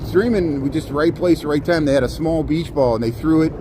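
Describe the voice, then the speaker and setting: A man chatting casually on a livestream outdoors, rambling and halting, often repeating his words. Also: on the high side. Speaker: live streamer. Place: outdoors on a city riverwalk. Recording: outdoor livestream with clear city noise.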